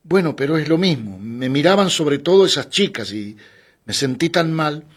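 A man reading a timid, nervous young woman on a bus, speaking softly and hesitantly. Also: fairly high pitch, expressive, normal speed, voice pushed up. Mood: timid, uneasy. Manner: soft, hesitant, apologetic.

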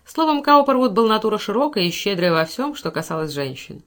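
Woman, audiobook narrator, classic novel, measured, expressive. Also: medium pitch.

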